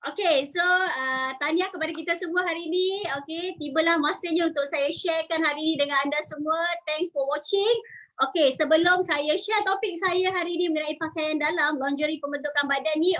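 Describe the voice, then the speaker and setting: High, lively Malaysian woman on a live stream. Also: highs cut off. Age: 40s. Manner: energetic, urges the audience, mixes in English phrases. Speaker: salon owner presenting a live sales talk. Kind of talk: live-stream talk to viewers.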